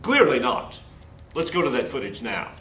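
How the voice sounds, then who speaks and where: A man's voice: medium pitch, big pitch swings, moderate pace, close to an everyday voice. A man playing a pompous, square 1960s TV news anchor in an earnest, stumbling parody newscast. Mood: disapproving. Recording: echoey room with faint noise.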